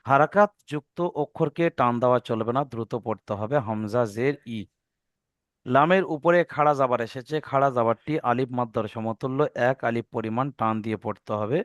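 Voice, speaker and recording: A man teaching an online reading lesson, patiently spelling out letters and vowel marks step by step and drawing out the recited words slowly. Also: medium pitch, dry recording, studio quality.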